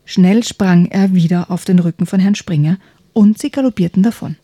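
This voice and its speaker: A woman podcast host reading a children's story aloud in a soft, partly whispered way, then talking about the book. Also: lowish voice, normal speed, slightly rough, no echo, studio quality.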